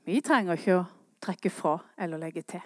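A woman preaching a sermon, swinging between quiet earnest talk and impassioned rising calls. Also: on the low side, no echo.

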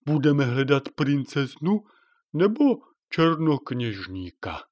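A man's voice: medium pitch, sing-song, darkish tone, no room sound. A man voicing a good-natured male cloud in a children's story, dreamy and eager.

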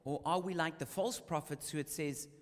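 In a reverberant hall, a man whose voice sits on the high side delivers an English sermon through a live interpreter at normal speed. His storytelling is dramatic, his delivery rising and falling along with the tale.

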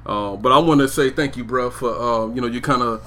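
Here's a relaxed podcast co-host from Georgia, USA, talking casually at a brisk clip. His voice is medium in pitch with a bit of brightness, and he leans on laid-back slang, repeating "you know what I'm saying" again and again.

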